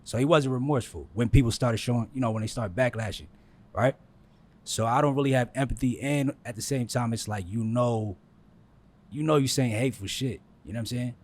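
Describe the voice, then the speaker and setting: Male podcast co-host, blunt, opinionated, mid-pitched voice. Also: a little fast, darkish tone. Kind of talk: casual chat.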